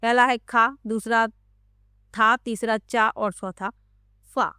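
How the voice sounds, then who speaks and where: Smooth-voiced woman teaching exam questions. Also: on the high side, steady tone, slow pace, bright, forceful tone, no room sound, clean studio sound. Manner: reads options then explains answer.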